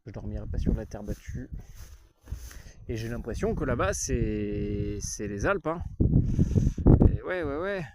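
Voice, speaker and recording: Chatty man vlogging outdoors in loud wind. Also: mid-range voice, expressive, a little slow, pauses often. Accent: southern French. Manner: chatty, swears freely, self-mocking. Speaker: survival vlogger hiking and camping. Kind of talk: casual outdoor vlog. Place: outdoors in open fields at dusk.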